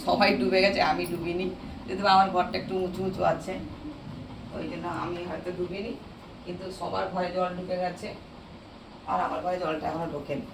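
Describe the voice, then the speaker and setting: A woman chatting casually to her viewers in a hoarse, gravelly voice, like someone whose voice has given out. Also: on the low side. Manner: chatty, addresses viewers directly. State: hoarse, strained voice from a sore throat. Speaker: vlogger. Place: room at home. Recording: roomy echo, distant mic, noisy background.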